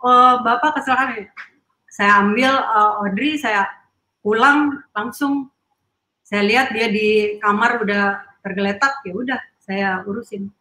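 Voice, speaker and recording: A woman answering interview questions in a hesitant, halting way with many fillers. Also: medium pitch, steady tone, bright, forceful tone. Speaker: guest. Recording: echoey room.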